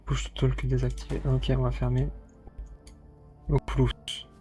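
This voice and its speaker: A man streaming a video game alone, muttering to himself and shouting out spell words. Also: medium pitch, monotone, a little slow, faint music behind. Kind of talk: casual let's-play commentary.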